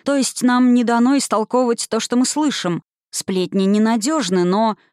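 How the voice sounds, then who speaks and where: A woman's voice: on the high side, moderate pace, a little mellow, clean tone, dry recording, studio quality, pitched above the performer's own voice, lightly acted. A woman narrator voicing a stubborn, earnest young female student in an audiobook, speaking firmly. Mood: defiant. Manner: firm, defiant, earnest.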